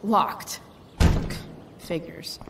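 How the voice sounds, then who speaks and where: A woman's voice: drawn-out words, recorded from a distance, background noise. A woman playing a sardonic, guarded, rebellious teenage girl in a video game, with a casual, sarcastic way of talking. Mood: dry, sarcastic. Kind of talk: video game character acting.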